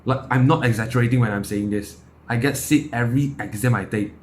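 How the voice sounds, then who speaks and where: A Malaysian self-improvement vlogger in his late teens gives a blunt, sweary, unscripted opinion talk in a Malaysian accent. His medium-pitched voice moves briskly, with slight background noise behind it.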